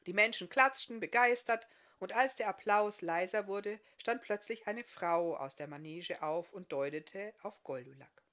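A woman author reading her fairy-tale novel aloud in an expressive, lively storytelling manner. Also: medium pitch, unhurried.

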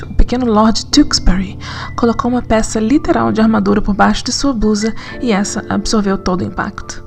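A woman narrating a scripted essay in an analytical, conversational way with lively asides. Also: mid-range voice, gravelly. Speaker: narrator and writer.

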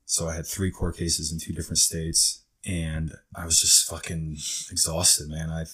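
A young man with a very low, husky voice spins a rambling story. He leans on "like" and swears freely in loose, casual talk. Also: little pitch movement, normal speed, sharp tone. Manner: rambling, heavy use of "like" and profanity. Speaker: guest in recovery.

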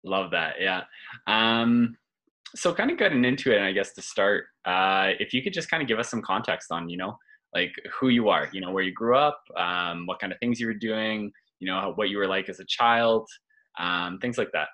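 A man's voice: fairly low pitch, animated, normal speed, pushed and bright, poor audio. A man hosting a podcast, asking friendly, rambling questions full of "you know" and "like". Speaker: podcast host. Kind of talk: casual interview chat.

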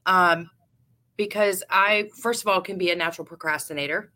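Low-pitched woman guest; frank, chatty business owner talking shop casually. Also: normal speed, bright, forceful tone. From Ohio, USA. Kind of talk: casual interview answers.

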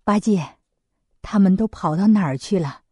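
A gentle, worried monk from a children's storybook, played by a woman. He speaks softly and a bit low, pleading rather than commanding. The recording is dry and close. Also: normal speed, dry recording, close to an everyday voice. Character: gentle, anxious old male monk.

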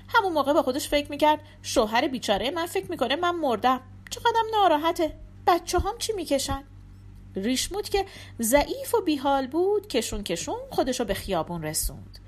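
A woman reading a folktale aloud with a bright, high voice. Her storytelling is dramatic and full of rising and falling melody.

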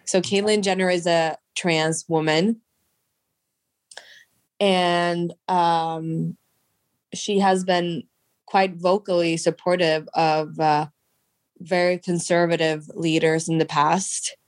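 A woman's voice: fairly low pitch, flat delivery, slow pace, long pauses, no echo. A woman with a congested, stuffed-up nose from allergies, co-hosting a casual podcast from home. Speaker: podcast co-host. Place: at home on a couch, recorded over a video call.

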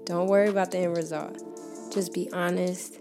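A woman's voice: lowish voice, flat delivery, moderate pace. A young woman giving a casual, heartfelt faith talk, speaking informally and often saying "like" and "you know.". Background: background music.

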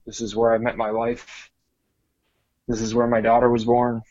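A man of middling pitch speaks as a podcast guest in an easygoing, dryly humorous way. His audio sounds dull and slightly lo-fi, like a remote connection. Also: normal speed. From born in Cameroon, raised in several countries. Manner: relaxed, wry and self-deprecating. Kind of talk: casual conversational interview.

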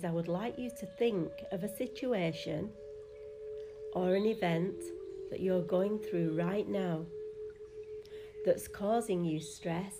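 A woman instructing a guided breathing exercise in a soft, calm, soothing manner, leaving gaps between phrases. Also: lowish voice.

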